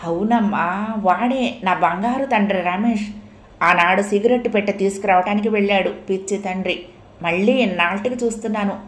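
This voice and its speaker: A woman voicing a melodramatic, wailing old mother, with a high, crying voice in a roomy-sounding recording. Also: moderate pace, close to an everyday voice. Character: old blind mother, tearful and overjoyed. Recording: roomy echo.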